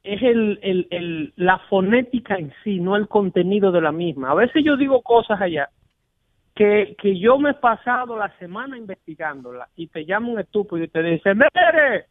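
A man's voice: high voice, expressive, normal speed, dry recording. A man hosting a radio talk show, arguing emphatically and mimicking callers in quoted voices. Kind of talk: animated radio debate. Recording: dry, phone-like broadcast audio.

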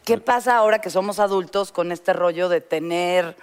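A talk show co-host, briskly guiding the conversation. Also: mid-range voice, smooth. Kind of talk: casual chat.

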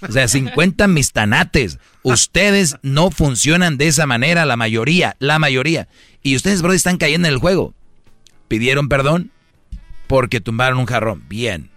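A Mexican man hosts a lively advice talk show. He lectures his male listeners in a brash, slangy way and often mocks them. His voice sits at an ordinary middle pitch, and the recording is close and dry. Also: normal speed, no echo, soft background music. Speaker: host giving relationship advice to men.

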